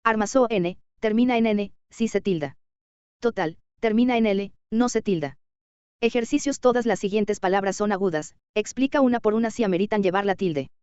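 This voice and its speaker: A woman reading a scripted lecture as a teacher, measured and slowing down for word examples. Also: medium pitch, darkish tone, clear, resonant tone, dry recording, highs cut off.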